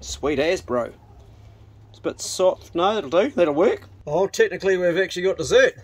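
A middle-aged vlogger with a broad New Zealand accent chats casually to camera in a laid-back, blokey, slangy way, his voice sitting high and animated at normal speed. He moves around a house, through the kitchen, yard and glasshouse, filming on a phone held at arm's length.

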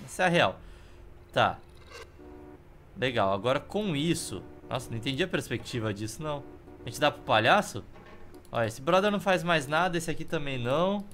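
A man's voice: medium pitch, expressive, normal speed, long pauses, a bit bright. A Brazilian man casually commentating a video game as he plays, with wry, offhand humour. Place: indoor room. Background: game music.

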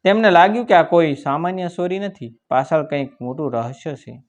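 A man reading a village story aloud in a steady, measured narration. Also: fairly high pitch.

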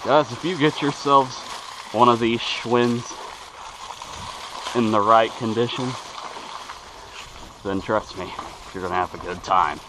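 A man's voice: medium pitch, takes it slowly, pauses often, background noise. A young man talking casually to the camera as he rides a bike outdoors, rambling and stumbling over his words, recorded on a handlebar camera. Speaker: vlogger. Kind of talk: casual vlog talk while riding. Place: outdoors riding a bike through a wooded yard. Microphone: handlebar-mounted action camera.

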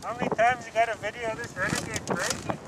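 High-voiced man teasing from a distance. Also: steady tone, quick pace, crowd noise. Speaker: hunting companion. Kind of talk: casual banter called out from a distance. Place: outdoors in snowy mountains. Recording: distant voice on a camera mic outdoors.

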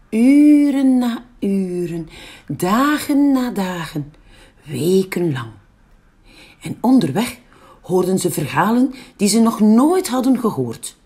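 A woman with a Flemish accent reading a picture book aloud for young children. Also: lowish voice. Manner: slow, very lively storytelling. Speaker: library storyteller.

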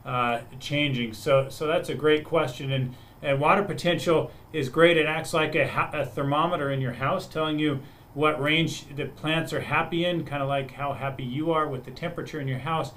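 A man's voice: on the high side, fairly even intonation, moderate pace, a bit bright. Man explaining soil data with restarts. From United States. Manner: explanatory, many restarts and repeated words. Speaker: soil scientist panelist. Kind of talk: webinar panel discussion.

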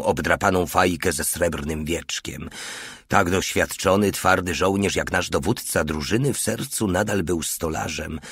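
Man, audiobook narrator, steady, grave, very low voice, dry sound. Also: breathy edge, no room sound. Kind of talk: scripted narration.

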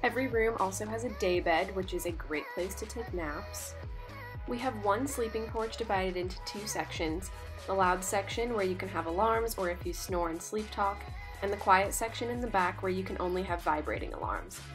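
A woman's voice: mid-range voice, moderate pace, music in the background. A young woman giving scripted voice-over narration for a house tour, upbeat and informative. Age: young adult.

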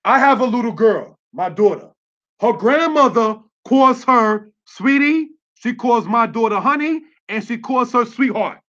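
A man's voice: very high-pitched, animated, measured pace, pushed and bright, dull audio. A man giving a religious teaching in a preachy, streetwise way, often checking with "you understand?".

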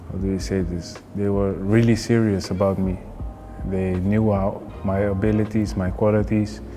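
A young man in his twenties from the Netherlands with a Dutch accent, a footballer giving casual interview answers in a relaxed, hesitant way with many fillers. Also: on the low side. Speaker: football player. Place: indoor hotel room.

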